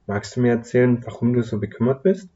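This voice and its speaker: A man voicing a gentle, cheerful little old woman who personifies Hope, speaking softly and kindly in a slightly muffled recording. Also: mid-range voice, fairly even intonation, quick pace, natural voice.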